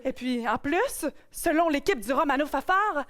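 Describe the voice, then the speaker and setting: High-voiced Québécois woman doing stand-up. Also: animated, normal speed, a bit bright. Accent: Québécois French. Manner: playful, self-mocking comic delivery. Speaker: host. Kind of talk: stand-up opening monologue. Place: stage before a live audience.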